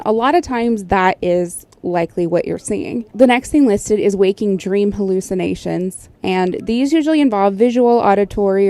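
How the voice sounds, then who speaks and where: A woman with a mellow, mid-range voice hosts casual, explanatory commentary, breaking topics down conversationally like the sleep technologist she is. The recording has no room sound.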